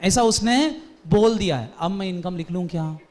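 A man's voice: sits high, normal speed. A male commerce teacher giving a classroom lecture, telling stories and quizzing his students. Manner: animated storytelling, quizzing students.

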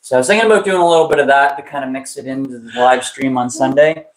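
A man hosting a toy live stream in casual chat, excited and chatty, laughing often and restarting his phrases. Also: mid-range voice, fast, roomy sound, rough recording.

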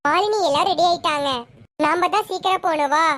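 A woman's voice: very high-pitched, brisk, a bit bright, slight background noise. A woman voicing the bride's mother, soothing and firmly scolding by turns, in an amateur serial. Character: caring mother of the bride, firm.

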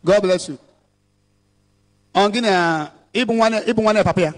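A high-voiced Nigerian man in his thirties preaches at a moderate pace from an outdoor stage at a church rally. Addressing a large crowd through a handheld mic, he shifts between English and Igbo.

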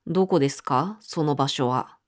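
A woman's voice: deep voice, close to an everyday voice. A woman reading the lines of a stern, businesslike male police chief in a storybook. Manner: brisk, businesslike.

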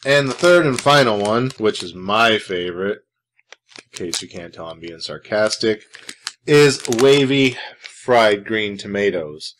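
A man's voice: fairly low pitch, animated, unhurried, slight background noise. A man hosting his own snack review vlog, talking casually with dry sarcasm and rambling asides. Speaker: food reviewer host.

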